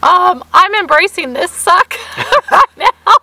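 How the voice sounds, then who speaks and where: A woman with a high, crackly voice co-hosts a vlog. She sounds bright but hoarse, and she chats in a casual, animated storytelling way. The recording is dry and close, with little room sound. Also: slow pace, no room sound. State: hoarse for weeks. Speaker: vlog co-host. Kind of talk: casual chat to camera.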